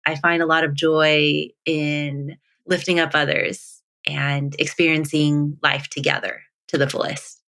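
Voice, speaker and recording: A woman's voice: deep voice, level tone, fairly bright tone. A woman from Texas, a runner appearing as a podcast guest, talking thoughtfully with frequent laughs and hesitations. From Texas, United States. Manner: slow, thoughtful, laughs often, hesitant fillers. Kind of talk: casual interview chat.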